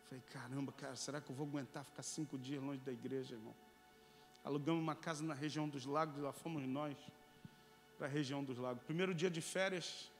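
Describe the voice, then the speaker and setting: A pastor preaching a sermon as he tells a story, acting out the dialogue and rising to shouts. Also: on the high side, in a large hall. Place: church sanctuary.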